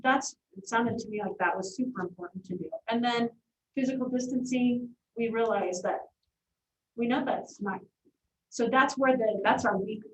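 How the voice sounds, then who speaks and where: A woman school district administrator giving measured, reassuring remarks at a board meeting. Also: a little high. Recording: distant, roomy, dull meeting-room audio.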